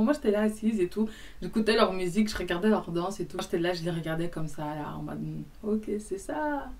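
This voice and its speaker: A young woman telling a casual storytime to camera, animated, acting out both sides of a conversation. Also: on the low side, distant mic.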